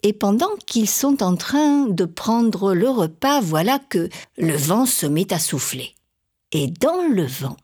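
A woman telling a children's story aloud, expressive and sing-song, with playful repetition. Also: mid-range voice, breathy edge. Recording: background music.

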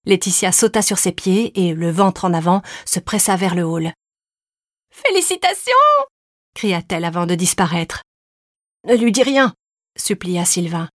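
Brief: woman narrator, measured audiobook reading, lowish voice, dry close recording. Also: level tone, no echo. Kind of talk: scripted narration.

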